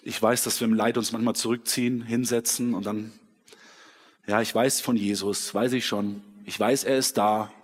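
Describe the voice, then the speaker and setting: A man preaching a sermon in a church hall, switching between dramatic scripture reading and quiet personal reflection. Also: lowish voice, little pitch movement, normal speed. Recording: long hall reverb.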